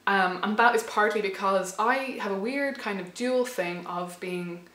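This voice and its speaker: In a reflective personal vlog, a channel host in her late 20s to 30 speaks thoughtfully and hesitantly, with many restarts and fillers as she circles back on herself. Her mid-height voice is a little hoarse and worn, though fairly bright in tone. The recording has a noticeable room echo.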